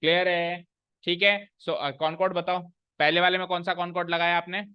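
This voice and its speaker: A man lectures a class on English grammar, keeping them engaged with constant questions and repeated key phrases. His voice sits a touch higher than usual. The recording is dry and somewhat dull, like a basic lo-fi classroom capture. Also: little pitch movement, moderate pace, clean tone, dry recording.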